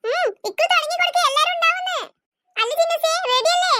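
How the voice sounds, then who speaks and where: A caring schoolteacher, voiced by a performer for a cartoon. Her voice is high and bright with a dry, close sound. She coaxes her pupils gently. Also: brisk, no echo. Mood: coaxing. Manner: caring, coaxing. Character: kindly female schoolteacher on a tour. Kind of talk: cartoon voice acting.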